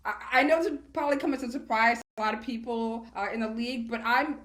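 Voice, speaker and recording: A woman's voice: fairly high pitch, fast talker, a bit bright. A woman, talking casually and chattily as a guest in an interview. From Queens, New York, United States. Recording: roomy, echoey sound.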